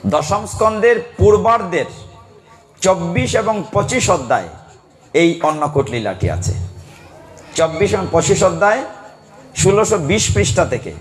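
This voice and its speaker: A man's voice: high-pitched, unhurried, long pauses. A man preaching a devotional sermon to a gathering, asking the audience questions and calling for responses. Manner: animated, asks the audience questions and calls for responses. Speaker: kirtan preacher.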